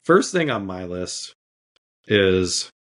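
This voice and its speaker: A fairly low-voiced man with a slight cold, co-hosting a podcast. He talks in a loose, laid-back way, full of "like" and "um", and laughs easily between thoughts. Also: big pitch swings, slow, a bit bright. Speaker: podcast co-host. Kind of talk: casual podcast chat.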